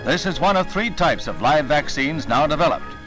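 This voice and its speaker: A man narrating an old 1960 newsreel in a brisk, wry announcer style. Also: on the high side, lively intonation, poor audio. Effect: old newsreel soundtrack. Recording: old newsreel with loud music bed.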